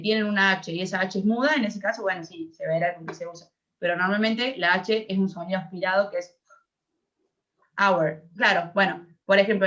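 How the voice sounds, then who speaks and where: Working as an English tutor, this young woman teaches grammar with an Argentine accent, patiently explaining and making sure her students keep up. Her voice is mid-range and a bit bright, heard through dull, lo-fi audio.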